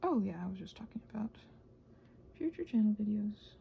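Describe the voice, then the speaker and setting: Working on crafts, a woman rambles casually and quickly in a creaky, medium-pitched, animated voice, often dropping to a near-whisper. She thinks aloud hesitantly, trails off mid-sentence, and lets out playful little exclamations, with dull audio, slight noise, and an ASMR-like feel to her channel.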